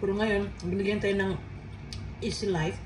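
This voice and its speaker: A woman's voice: medium pitch, little pitch movement, moderate pace. Filipino woman chatting mouth full, echoey room. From Philippines. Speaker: vlogger showing a meal. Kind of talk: casual eating show chat. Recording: echoey room, clearly noisy background.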